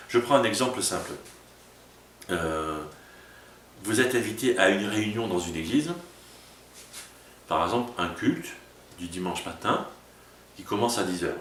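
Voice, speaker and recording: A man's voice: lowish voice, lively intonation, unhurried, pauses often, slight background noise. A man, a pastor, giving an informal sermon-style talk to small groups and often asking "tu vois?". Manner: informal, addresses listener as tu, frequent "tu vois". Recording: roomy echo from a distance with faint ambience.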